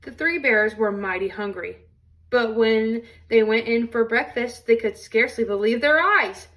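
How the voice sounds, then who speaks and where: A woman reading a children's storybook aloud in an expressive storytelling style. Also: a little high, a little slow, recorded from a distance.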